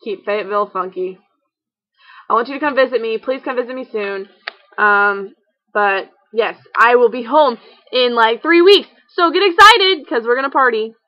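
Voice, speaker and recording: A woman's voice: on the high side, moderate pace, no echo, muffled recording. Giggly young woman telling a rambling story. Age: young adult. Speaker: college student vlogger. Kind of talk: casual chat to camera.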